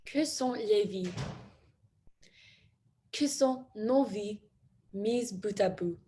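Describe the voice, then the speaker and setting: A young woman, a student actor, performing a slow, reflective theatre monologue as a determined young woman searching for her truth. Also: mid-range voice, warm tone. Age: young adult. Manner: slow, reflective, repetitive phrasing.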